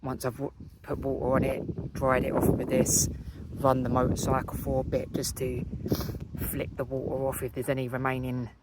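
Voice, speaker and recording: A man with an Essex accent narrates a how-to in a relaxed, rambling way, correcting himself as he goes. His delivery stays level with little rise or fall. Clear background noise from outdoors runs under the whole recording. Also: medium pitch, normal speed. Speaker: motorcycle vlogger. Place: outdoors beside a parked motorcycle.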